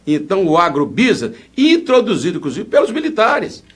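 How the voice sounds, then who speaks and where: A man's voice: high-pitched, huge pitch swings, brisk, breathy edge. A man with a Brazilian Portuguese accent speaking as a political candidate in an interview, in an indignant, emphatic, rambling way.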